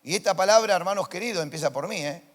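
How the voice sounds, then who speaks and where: A male pastor with a Rioplatense Spanish accent, preaching a sermon in church and swinging between quiet, intimate lines and loud, impassioned declarations. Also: sits high, fast.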